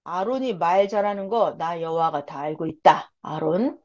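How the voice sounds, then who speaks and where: A woman's voice: on the low side, moderate pace, a little mellow, highs cut off, voice pushed down, close to an everyday voice. A woman voicing God as he speaks firmly to Moses, giving emphatic commands. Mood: stern. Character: commanding God, stern but reassuring.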